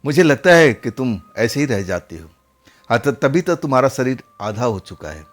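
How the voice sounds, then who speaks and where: A man voicing a worried old parent who gently lectures a grown son in a spoken horror story. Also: medium pitch, big pitch swings, moderate pace, soft background music, natural voice. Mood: concerned.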